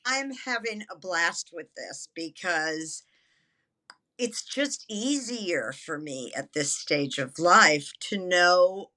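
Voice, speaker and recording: A woman's voice: fairly low pitch, lively intonation, slow pace, pushed and bright. A seventy-year-old woman talking as a guest in a podcast interview, chatty and enthusiastic. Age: 70s. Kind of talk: casual interview chat.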